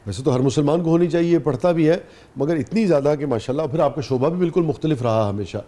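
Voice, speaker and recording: A man's voice: on the high side, dark tone. A man with a Pakistani Urdu accent hosting a talk show, who affirms his guest often with short agreements and asks questions. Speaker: host.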